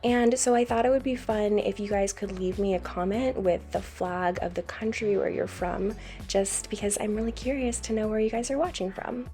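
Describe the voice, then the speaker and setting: An American woman narrating a craft tutorial as a voice-over, explaining each step in a calm, instructional way. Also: medium pitch, normal speed, faint music behind. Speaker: craft channel host.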